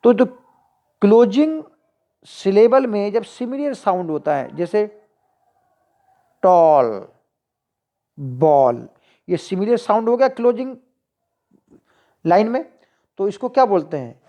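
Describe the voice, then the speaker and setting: A woman teacher with a Hindi accent, going through exam practice questions, reading each one slowly and then explaining the answer choices. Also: medium pitch, animated, dark tone. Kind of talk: exam-prep lesson.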